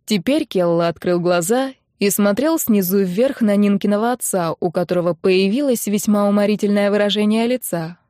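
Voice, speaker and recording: A woman's voice: medium pitch, moderate pace, few pauses, mellow, no room sound. Woman reading an audiobook, dry sound. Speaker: audiobook reader. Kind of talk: audiobook narration.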